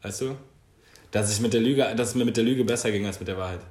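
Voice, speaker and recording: A man's voice: on the low side, quick pace, a little mellow. Musing man on a roomy podcast. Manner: musing, philosophical tangents. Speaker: podcast co-host. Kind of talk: casual chat. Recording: roomy echo with faint noise.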